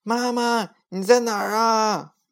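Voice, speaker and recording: A man doing a high naughty little boy. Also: fairly even intonation, slow, creaky, a bit bright, heavily acted. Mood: pleading. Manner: high, pleading calls. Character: naughty little boy who mimics everyone.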